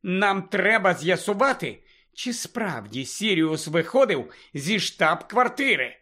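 A man's voice: high-pitched, very animated, takes it slowly, pushed and bright, exaggerated voice. Insistent pleading teen girl, read by a man. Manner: hissing, pleading.

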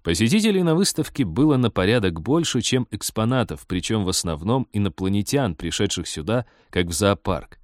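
A man narrating a humorous story in a measured, wry audiobook reading. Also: fairly low pitch, big pitch swings, no room sound, clean studio sound.

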